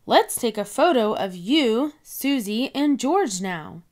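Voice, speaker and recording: A woman's voice: fairly high pitch, very animated, slow pace, darkish tone. A woman voicing a good-humored, chuckling father pig in a storybook. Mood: jolly. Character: jolly, proud father pig.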